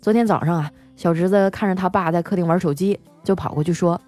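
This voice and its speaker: A woman's voice: lowish voice, fast, darkish tone, faint music behind. A woman host telling comic family stories in a chatty, teasing way, laughing often. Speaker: radio-style host. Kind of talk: comic storytelling monologue.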